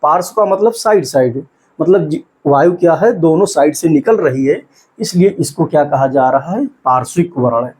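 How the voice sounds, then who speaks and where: A man teaching an exam-prep lesson, asking questions and answering them himself, and sounding out syllables slowly. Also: on the high side, expressive, a little mellow, breathy edge.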